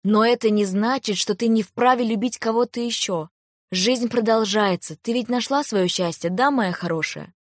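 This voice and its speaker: A woman reading the part of a gentle older mother-in-law who speaks slowly and tenderly. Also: on the high side, dry recording, studio quality, close to an everyday voice. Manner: tender, slow and soothing.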